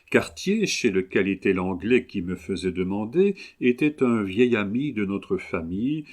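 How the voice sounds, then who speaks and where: Guy reading an old memoir aloud, steady and expressive, lowish voice. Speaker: audiobook reader. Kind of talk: scripted narration.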